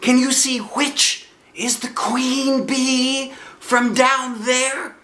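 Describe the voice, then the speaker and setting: A man voicing an earnest, anxious, silly old toy bear with solemn, drawn-out phrasing in a children's storybook. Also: extremely high pitch, flat delivery, sharp tone, roomy sound, slight background noise, pitched above the performer's own voice, full character voice. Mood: earnest, scheming. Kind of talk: children's storybook read-aloud.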